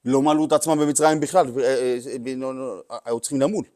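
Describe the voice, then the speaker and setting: A man, a rabbi, giving a Torah class full of stories, animated and dramatic, bursting into loud exclamations as he tells them. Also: medium pitch, clear, resonant tone. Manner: animated storyteller, acts out characters with sudden loud outbursts.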